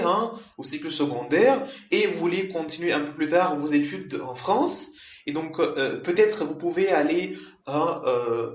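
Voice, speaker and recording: A man with a fairly high voice walks learners through vocabulary one word at a time, rephrasing each term and dropping in frequent fillers. The recording rings with the echo of a bare room. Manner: slow, repetitive explaining with frequent "hein" and "euh". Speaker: French teacher.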